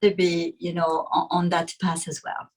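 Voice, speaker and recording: A woman's voice: fairly low pitch, monotone, normal speed, darkish tone. A middle-aged woman with a French accent, a guest on a talk show, speaks reflectively and often searches for her words. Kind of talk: casual chat.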